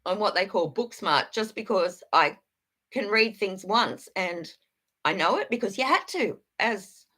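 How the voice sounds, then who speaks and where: A woman's voice: mid-range voice, expressive, unhurried, bright, forceful tone. A woman chatting candidly on a livestream, rambling and blunt, swearing freely while she answers her chat.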